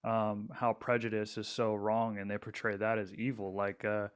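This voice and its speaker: A young man talking casually on a podcast, his voice a bit low and smooth. He rambles along, full of "um" and "like," and often restarts a thought. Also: level tone, normal speed, lo-fi sound. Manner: rambling with many fillers and restarts. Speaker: podcast co-host.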